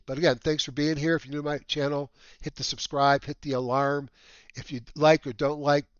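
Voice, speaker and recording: A man with a whistling nose hosting a market update as a trading educator, talking casually and haltingly with rambling asides. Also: mid-range voice, no echo. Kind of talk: casual semi-scripted market commentary. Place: dry room at home. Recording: slightly dull, lo-fi dry recording.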